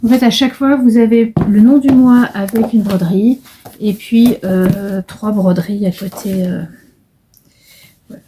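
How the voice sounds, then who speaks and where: A woman's voice: medium pitch, fairly even intonation, a little slow, noisy background. A middle-aged woman chatting casually in a vlog about her embroidery, hesitant and rambling with many fillers and restarts. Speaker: embroidery vlogger.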